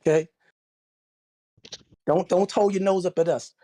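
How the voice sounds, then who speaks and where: A man's voice: high voice, steady tone, measured pace, dark tone. A man talking casually on a live panel, insistent and repeating himself. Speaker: panelist, military medical veteran.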